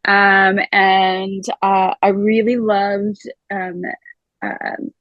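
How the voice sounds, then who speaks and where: A woman's voice: medium pitch, little pitch movement, drawn-out words, no echo, lo-fi sound. A woman in her forties, a guest artist, speaking hesitantly with many "um" fillers. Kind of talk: casual interview chat.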